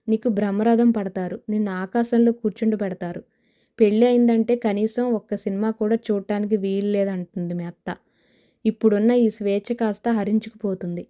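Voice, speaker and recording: A woman's voice: mid-range voice, warm tone, close to an everyday voice. A woman voicing a scheming young woman who coaxes her friend with persuasive talk, in an audio novel. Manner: coaxing, persuasive.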